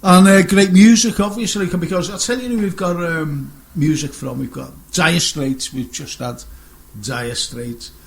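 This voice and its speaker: Jokey, gravelly radio host. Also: male voice, fairly high pitch, steady tone, a little slow, few pauses. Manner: jokey, rambling, laughs often. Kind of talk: casual chat show banter.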